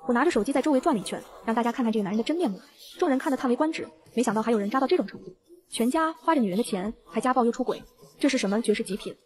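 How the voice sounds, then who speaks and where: A woman narrating a novel in the first person, in a brisk, even storytelling read. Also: fairly high pitch. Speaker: audiobook narrator.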